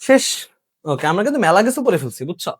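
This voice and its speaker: Fast, high-voiced teacher man. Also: big pitch swings, husky. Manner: quizzing, answers his own questions; casual, addresses students directly. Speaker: English teacher. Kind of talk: exam-prep grammar lesson.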